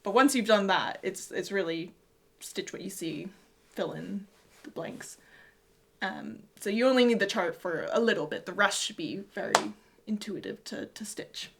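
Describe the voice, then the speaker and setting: Medium-pitched woman, casual podcast co-host. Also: lively intonation, moderate pace, vocal fry, a little hiss or hum. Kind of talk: casual explanatory chat.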